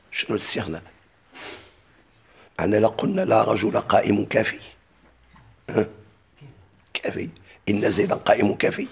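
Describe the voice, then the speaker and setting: Gravelly Moroccan-accented grammar teacher. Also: male voice, lowish voice. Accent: Moroccan Arabic. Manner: asks questions and answers them himself. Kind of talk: classical grammar lesson.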